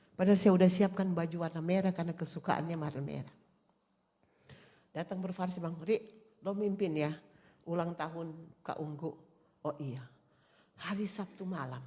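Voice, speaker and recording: Woman preaching a testimony, tinge. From Indonesia. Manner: storytelling, swings from hushed to loud, emotional rises in pitch. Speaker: preacher at a women's service. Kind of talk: sermon testimony.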